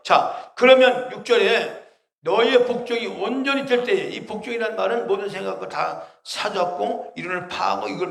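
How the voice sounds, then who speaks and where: A male pastor preaches in a church hall, pressing his listeners with rhetorical questions. His voice is high and gravelly, and it rings out in a roomy, echoing space. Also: a bit bright. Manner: emphatic, full of rhetorical questions to the congregation. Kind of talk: sermon. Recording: roomy echo.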